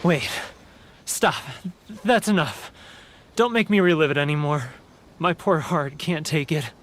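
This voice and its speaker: Playing a merchant in a game cutscene, this actor gives a slightly high, unhurried, somewhat bright voice to a homesick man weighed down by guilt. The mood is gloomy, and he sounds mournful and self-pitying, often stammering, with a little hiss or hum in the audio.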